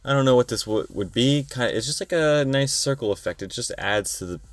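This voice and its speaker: A young man hosting a screen-recorded design tutorial, talking in a tired, relaxed, rambling way. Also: medium pitch, a little fast, no echo. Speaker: tutorial host.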